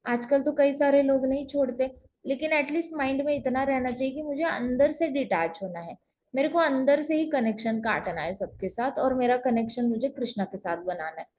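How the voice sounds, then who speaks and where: A woman with a high voice teaches a spiritual lesson over an online call from home. She talks in a chatty, loose way, repeats phrases for emphasis and drops in English words. There is a faint hiss of noise behind her. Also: normal speed, a little mellow. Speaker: spiritual teacher telling scripture stories.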